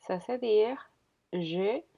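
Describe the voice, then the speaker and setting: Woman in her thirties, very slow hesitant teacher, muffled lo-fi sound. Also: medium pitch, gravelly. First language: Spanish. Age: 30s. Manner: hesitant, many fillers and self-corrections. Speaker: French teacher. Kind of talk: slow beginner language lesson. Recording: dull lo-fi audio.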